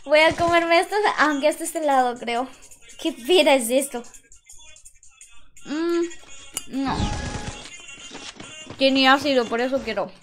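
A woman live-streaming a game, excitable and affectionate with her chat, often shrieking. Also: high-pitched, slow pace, pauses often. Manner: affectionate, calls chat love and baby. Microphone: desk mic with webcam. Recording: loud game music behind voice.

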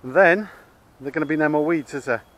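A man's voice: a little high, brisk, fairly bright tone, a little hiss or hum. Chatty man outdoors. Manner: chatty, rambling, many restarts and fillers. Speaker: allotment vlogger. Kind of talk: casual chat. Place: outdoor allotment garden. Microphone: action camera, held or chest-mounted.

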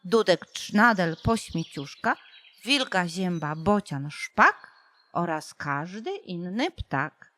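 A woman narrating a rhyming children's audiobook in a slow, playful way, with birdsong behind her. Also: lowish voice. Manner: slow, playful, lively intonation. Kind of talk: audiobook poem reading for children.

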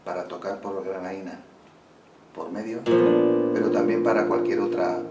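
A man explaining flamenco guitar keys in a calm, unhurried lesson. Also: deep voice, distant mic. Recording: roomy sound from off mic with loud guitar.

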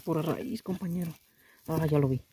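A man's voice: a little high, moderate pace, heavy background noise. A man narrating his metal detecting outing outdoors in a casual, chatty way, calling his viewers companions and using lots of fillers. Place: outdoors in a rural field.

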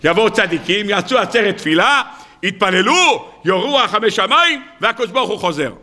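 A rabbi delivering a weekly sermon, talking in a high, bright voice. He tells it as a story and slips in jokes along the way. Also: expressive. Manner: storytelling, humorous asides.

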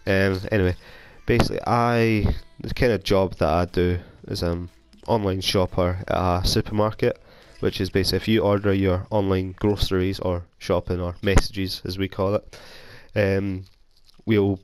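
Through a console headset mic with a little hiss or hum, a young Scottish man with a cold talks in a low voice with little pitch movement, at a moderate pace and with few pauses. He is a gaming YouTuber rambling casually and self-deprecatingly during gameplay commentary.

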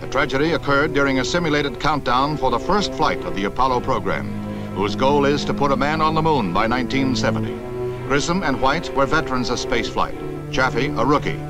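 A man's voice: medium pitch, brisk, low-quality recording. Man narrating an old newsreel. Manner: formal, solemn announcer delivery. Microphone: studio voice-over. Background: loud music.

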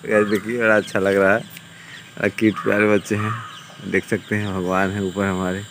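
A young male vlogger narrates a casual walking vlog outdoors on a foggy morning, filmed on a handheld phone, chatting away and constantly pointing out what viewers can see. His voice is on the low side, flat yet fairly bright, at a moderate pace, and the low-quality recording carries clear street noise and passing vehicles.

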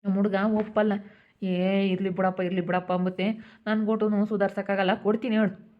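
A woman's voice: medium pitch, little pitch movement, brisk, dull audio, lightly acted. A woman playing a patient village father who explains things plainly and repeats himself, with a rural Hiriyur accent. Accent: Hiriyur rural Kannada.

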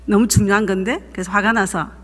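A woman's voice: medium pitch, steady tone, quick pace. A woman, a pastor's wife giving an emphatic, fervent sermon testimony. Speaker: pastor's wife leading a seminar. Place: church sanctuary. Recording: echoey church hall.

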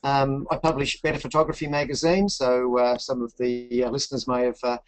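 A man's voice: mid-range voice, brisk, rough recording. A man, a photographer and magazine publisher, chatting casually and joking as a webinar guest. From Australia. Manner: joking, relaxed, self-deprecating. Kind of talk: casual call chat.

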